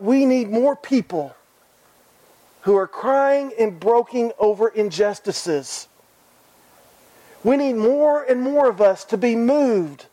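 A man's voice: high voice, darkish tone, no echo, poor audio. A man preaching a sermon in an earnest way, repeating phrases and asking his listeners direct questions.

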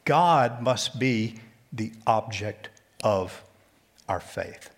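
Guy preaching real slow, kinda husky voice, gets quiet to make a point. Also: fairly low pitch, expressive. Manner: slow, deliberate preaching with quiet emphatic drops. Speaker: pastor. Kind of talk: sermon.

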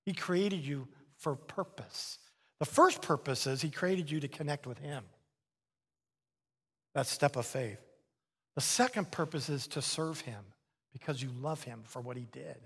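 Animated male pastor preaching in a reverberant hall. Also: on the high side, unhurried, creaky, breathy edge. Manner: animated, acts out little dialogues, repeats for emphasis. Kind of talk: sermon. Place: church sanctuary. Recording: long reverb of a large hall.

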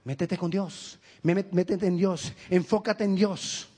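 A man from Colombia preaching a sermon as a pastor, emphatic and direct, with rhetorical questions and lively stories. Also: sits high, breathy edge. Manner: animated storytelling with quick asides.

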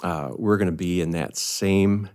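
A man's voice: sits low, fairly even intonation, measured pace, a little mellow. An older man, a pastor, telling a self-deprecating story on a podcast.

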